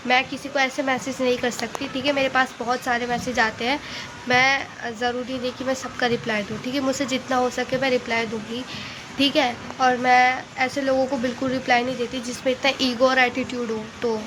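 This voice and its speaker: A young woman vlogger chats through a casual question-and-answer session. She reads out each fan question in her slightly high voice and answers frankly, often tagging on "okay?" at the end of a sentence. The home recording carries a steady layer of background noise. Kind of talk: casual Q&A vlog.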